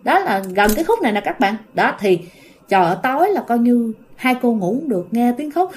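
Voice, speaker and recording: A woman's voice: fairly high pitch, fairly quick. Chatty woman telling ghost stories. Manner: chatty, addresses listeners directly, animated when telling scary parts. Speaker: ghost story storyteller. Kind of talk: casual spoken storytelling.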